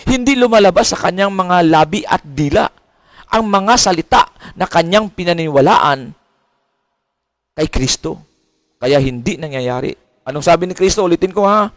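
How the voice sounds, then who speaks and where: Higher-voiced man preaching a sermon. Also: expressive, normal speed, long pauses, dry recording. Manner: preaching with rising questions and mimicked complaints, mixing English phrases. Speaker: pastor.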